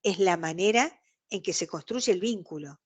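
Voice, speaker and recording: A woman's voice: fairly low pitch, animated, moderate pace, slightly rough. A woman with a Rioplatense Spanish accent, giving an explanatory online lecture over a video call and acting out quoted exchanges. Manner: explanatory, acts out quoted dialogue.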